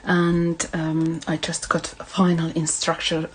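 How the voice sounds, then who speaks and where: A woman with a Finnish accent leads a casual craft livestream in a low-pitched voice. She talks very slowly and gently, pausing and hesitating as she addresses her viewers. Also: monotone, slight background noise. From Finland. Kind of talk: casual live craft tutorial.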